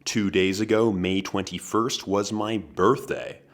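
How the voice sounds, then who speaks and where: A man in his twenties hosting a podcast, delivering a comedic monologue in a dry, deadpan manner with wry asides. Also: on the low side, measured pace. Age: 20s. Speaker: podcast host.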